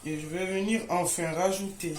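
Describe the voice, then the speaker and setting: This home baking host has a fairly low, steady voice and a moderate pace. Filming in her own kitchen, she chats warmly with viewers and checks that everyone is following along; the audio has some echo and faint noise.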